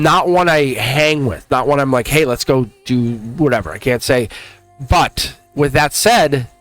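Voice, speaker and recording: A man's voice: fairly high pitch, fairly bright tone. A middle-aged man with a Boston accent, hosting a casual, rambling tarot reading in slangy, exclamatory language aimed straight at viewers. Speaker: tarot reader and channel host.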